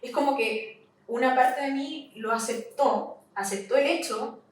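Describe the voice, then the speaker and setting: A woman with a Chilean accent, a podcast guest recounting a personal loss, halting and repeating herself. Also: high-pitched. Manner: halting, repeats herself, voice rises in retold questions. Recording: echoey room, mic at a distance, faint hiss.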